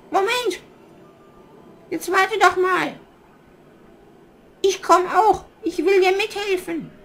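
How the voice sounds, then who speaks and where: A man playing a shrill, cackling old witch. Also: a bit bright, exaggerated voice. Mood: eager. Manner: commanding, theatrical and scheming. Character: cackling old evil witch, scheming and bossy. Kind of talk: puppet theater play.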